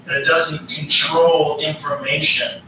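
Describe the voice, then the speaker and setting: A man's voice: fairly high pitch, level tone, takes it slowly, distant mic, background noise. Profane, ranting man in an echoey room. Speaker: podcast host. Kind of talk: casual podcast chat.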